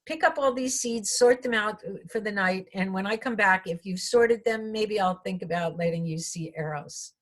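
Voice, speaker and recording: A woman's voice: medium pitch, normal speed, few pauses, lightly acted. A woman storyteller voicing a cruel, haughty goddess who speaks in a scornful, commanding way.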